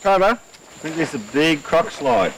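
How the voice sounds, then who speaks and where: A man's voice: a little high, sing-song, normal speed, fairly bright tone. A middle-aged Australian man chatting casually on location as part of an expedition team. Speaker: crocodile expedition team member. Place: outdoors on a jungle riverbank. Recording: noisy outdoor location sound.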